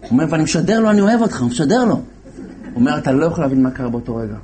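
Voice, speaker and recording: A man telling a religious story as a sermon in an animated way, acting out the voices of the characters. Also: a little high.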